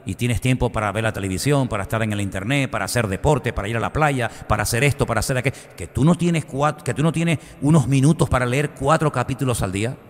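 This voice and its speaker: A male pastor, giving a conversational, animated sermon full of rhetorical questions. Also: mid-range voice, quick pace, few pauses, big-room sound. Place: church.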